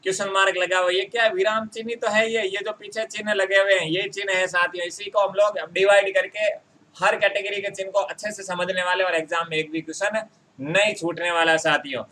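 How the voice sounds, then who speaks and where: High-pitched, bright male grammar teacher. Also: steady tone, poor audio. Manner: addresses viewers as friends, repeats example sentences slowly. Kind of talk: exam-prep grammar lesson.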